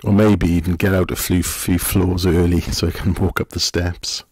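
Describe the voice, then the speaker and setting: A middle-aged male pastor with a fairly low voice, preaching in a gentle, questioning, conversational way. He is recorded up close in a dry space with no room echo. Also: level tone, moderate pace, breathy edge. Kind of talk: sermon.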